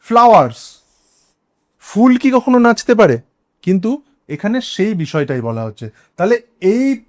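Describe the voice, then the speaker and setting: High-voiced yet darkish in tone, this Bengali-accented man leads an English grammar class, breaking examples down step by step and putting questions to his students. He spells words out letter by letter and poses rhetorical questions.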